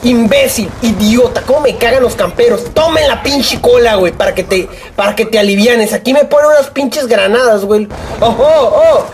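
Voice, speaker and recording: Profane Mexican man yelling at a shooter game. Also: extremely high pitch, moderate pace, hardly any pauses. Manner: profane, excitable, yells at opponents; rambling jokey asides. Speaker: gaming YouTuber. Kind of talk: live gameplay commentary.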